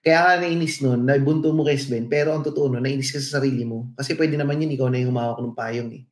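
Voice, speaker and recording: A man's voice: mid-range voice, steady tone, fast. A middle-aged man from the Philippines with a Filipino accent, a podcast co-host telling stories in a reflective, casual way. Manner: reflective storytelling. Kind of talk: casual podcast chat, mixing in English. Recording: echoey room.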